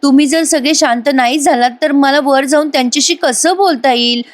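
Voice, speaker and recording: A woman reading the lines of a gentle young wife who pleads with her family in a soothing way. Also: sits high, a little fast, voice pushed up, close to an everyday voice. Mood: pleading.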